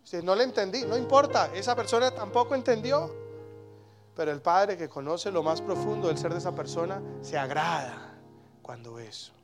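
A man in his thirties preaching a sermon as pastor, animated, with sudden loud exclamations. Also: high-pitched, moderate pace, music in the background.

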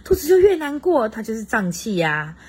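A woman reading a children's storybook aloud at home to a child, very expressive and stopping to chat with the child. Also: on the high side, normal speed, husky. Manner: expressive, swoops up for excitement, chats with the child.

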